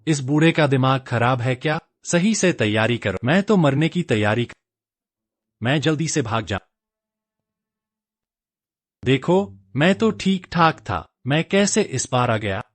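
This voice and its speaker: A man's voice: medium pitch, lively intonation, a little slow, long pauses, no room sound. A man voicing a cowardly, cheeky young disciple in a dubbed fantasy drama, jittery and stammering when scared. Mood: anxious. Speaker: sect disciple.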